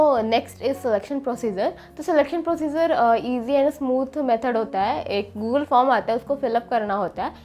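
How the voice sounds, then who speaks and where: Explaining her daily routine, the young medical student keeps her vlog steady while frequently stopping to think. She speaks in a slightly high voice.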